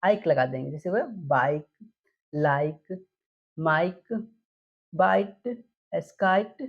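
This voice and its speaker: Speaking slowly in a low, breathy voice, a woman walks students through English spelling rules. She repeats each example and asks the class questions, then answers them herself, all captured in a dull lo-fi recording.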